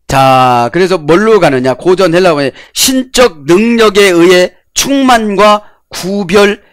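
A male pastor preaching a sermon, swinging between loud exclamations and quiet asides. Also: a little high, no echo, clean studio sound.

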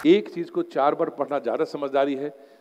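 A man's voice: a little high, steady tone, normal speed, over a noisy crowd, very noisy. A man giving a motivational seminar talk as an exam coach, telling stories and mixing English phrases into his Hindi. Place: lecture hall. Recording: long hall reverb.

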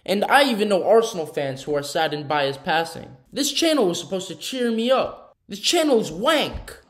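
A man's voice: high-pitched, lively intonation, moderate pace, a bit bright. A young man giving casual reaction commentary in a slangy, exasperated, ranting way. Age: young adult. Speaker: host of a reaction channel. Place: small room indoors.

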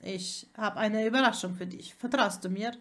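Frau liest höflichen jungen Zauberer. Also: female voice, mid-range voice, normal speed, close to an everyday voice. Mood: gentle, polite. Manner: courteous, calm. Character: polite young male wizard, Quidditch player. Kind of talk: fan fiction audiobook reading.

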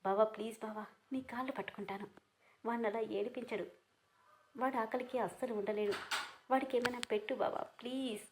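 A woman's voice: on the high side, steady tone, brisk, slight background noise, lightly acted, low-quality recording. A woman voicing a desperate young mother who pleads through sobs for her captured child. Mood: pleading. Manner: sobbing, pleading.

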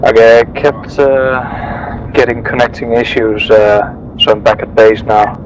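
A man speaks over in-game radio chat in a flat, level tone. He keeps to clipped radio procedure and closes each turn with "over". A faint hiss sits under his voice. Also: mid-range voice, a little slow, poor audio. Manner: clipped radio talk, ends turns with "over".

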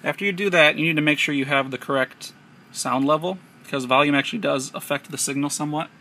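An American man with a slightly high voice, steady and sharp, talks fast while narrating a hands-on tech tutorial off the cuff, giving instructions one step after another. It's captured on a handheld camera with noisy amateur audio.

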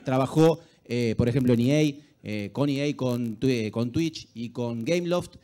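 A man with an Argentine accent moderating a live conference panel in a halting way, often repeating words. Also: medium pitch, warm tone. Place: large auditorium stage, indoors. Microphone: handheld microphone.

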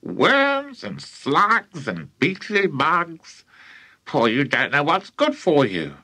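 A man voicing a gloating, menacing old grandmother with a witchy streak, in a slow, relishing, creepy drawl. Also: on the high side, huge pitch swings, sharp tone, husky, dry recording, pitched above the performer's own voice, exaggerated voice.

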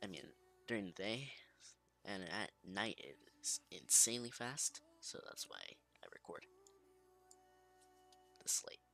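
A man hosting casual gameplay commentary at home late at night, talking quietly and half-whispering into a close microphone. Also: lowish voice, animated, a little slow, vocal fry, pauses often, faint music behind. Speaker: gaming channel host. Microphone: desk microphone close to the mouth.

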